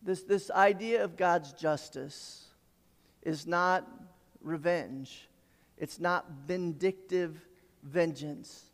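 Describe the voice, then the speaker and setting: A man's voice: on the high side, slow pace, long reverb tail. A man preaching a sermon, explaining scripture in an earnest way with light asides. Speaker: pastor.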